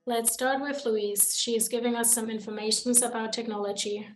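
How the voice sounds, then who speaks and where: A young woman from Germany hosting a student podcast, reading prepared points in a measured way. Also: a little high, fairly even intonation, slight background noise, low-quality recording. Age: young adult. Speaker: podcast host. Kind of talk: student podcast, read from notes.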